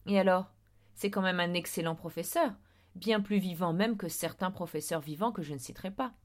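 A woman's voice: on the low side, a little fast, close to an everyday voice. A woman voicing a sly vampire headmaster. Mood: persuasive. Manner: coaxing, sly, growing insistent. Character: smooth persuasive male vampire headmaster, sinister. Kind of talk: audiobook reading.

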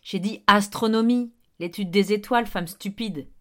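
Woman voicing a gruff, bossy man. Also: a little high, normal speed, natural voice. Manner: barking, excitable, bossy. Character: blustering, gruff middle-aged man in a wheelchair. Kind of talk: audiobook character reading.

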